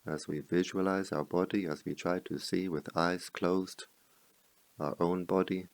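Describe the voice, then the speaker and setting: A man guides a meditation as its teacher, his low voice holding a steady tone. He speaks in slow, measured phrases separated by pauses, and the recording is dry.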